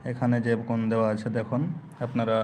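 A man's voice: medium pitch, monotone, quick pace, a little mellow, slight background noise. A man teaching a live online lesson on Arabic letters, explaining step by step and repeating each letter sound aloud. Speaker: Quran teacher.

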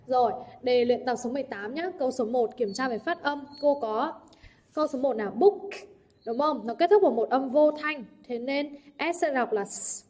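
A young adult woman teacher with a high, slightly mellow voice walks through English exam answers at a moderate pace. She often checks in with the class using rhetorical questions.

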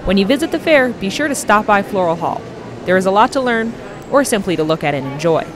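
Upbeat lady reporter doing voice-over, bouncy pitch, crowd chatter behind. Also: animated, fairly quick. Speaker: news reporter. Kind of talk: scripted news voice-over.

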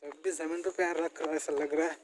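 A man's voice: fairly high pitch, flat delivery, fast, poor audio. A young man vlogging casually on a hill trail, talking into a phone at arm's length, chatty and tired from the climb. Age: young adult. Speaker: travel vlogger. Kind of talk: casual travel vlog. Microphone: phone held at arm's length. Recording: outdoor phone audio with crowd noise.

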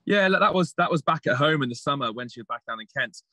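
A man who trains racehorses, answering as a guest in a halting way and often starting with "look". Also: fairly high pitch, lively intonation, bright, forceful tone, dry recording. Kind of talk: casual interview answers.

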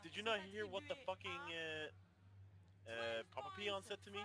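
A man's voice: high-pitched, expressive, moderate pace, over music. A man watching a broadcast with a friend and mocking it in crude, joking outbursts. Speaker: viewer commenting on a broadcast. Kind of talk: casual reaction chat.

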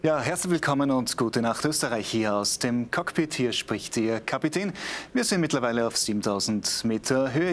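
A man's voice: mid-range voice, slight background noise. A man, an airline captain making a dry, matter-of-fact announcement from the cockpit of a plane in flight.

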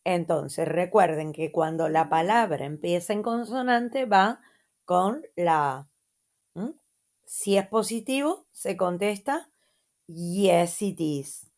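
An Argentine woman leads a children's English review in a slow, drawn-out way. Her voice sits a little low, and she keeps checking understanding with soft "mm?" prompts. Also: expressive. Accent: Argentine Spanish. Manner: slow, patient, repeats words and adds checking "¿mm?". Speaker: English teacher.

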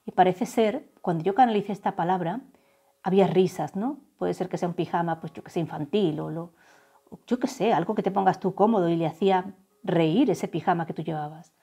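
A woman from giving a tarot reading to her viewers, saying the messages she channels slowly and softly. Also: on the low side, husky. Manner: slow, soft, drawn-out channeled phrases. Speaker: tarot reader. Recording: faint background music.

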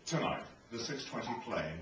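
Dry teasing man, lively pitch, echoey hissy stage far from mic. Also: normal speed. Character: dry sardonic middle-aged man. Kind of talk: live stage comedy acting.

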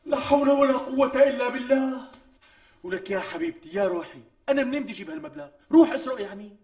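An actor playing a cornered young fiancé with a Damascene Syrian accent, protesting and pleading about money in a TV sitcom. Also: male voice, extremely high pitch, expressive, a little mellow. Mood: exasperated. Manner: exasperated, pleading, quick protests. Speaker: fiancé, shop owner. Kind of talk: TV sitcom acting. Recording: distant mic with faint music.

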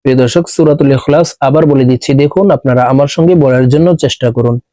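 A man teaching Quran recitation, drawing words out slowly and repeating them so learners can follow. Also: mid-range voice, dark tone, no echo, low-quality recording. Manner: slow drawn-out chanting recitation alternating with brisk explanation. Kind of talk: recitation lesson.

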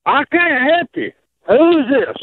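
A woman's voice: sits high, big pitch swings, unhurried, dry recording. A woman answering a prank call over the phone, talking bluntly and repeating herself. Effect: heard over a phone line. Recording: tinny phone line.

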